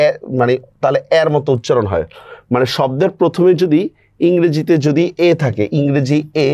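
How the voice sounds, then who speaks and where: A man's voice: on the high side, darkish tone, dry recording. A man teaching a grammar lesson on pronunciation, explaining step by step and often checking that students follow.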